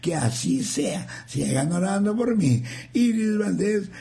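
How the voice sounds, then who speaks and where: Older man, radio host, folksy, joking, high voice, gravelly. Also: lively intonation, warm tone. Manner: folksy, joking, slow and drawn out. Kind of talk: reading listener messages on live radio.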